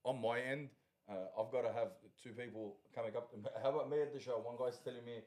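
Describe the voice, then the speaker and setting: A man hosting a casual podcast, joking around and laughing often between quick asides. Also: mid-range voice, steady tone, darkish tone. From Australia. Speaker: podcast host and shop owner.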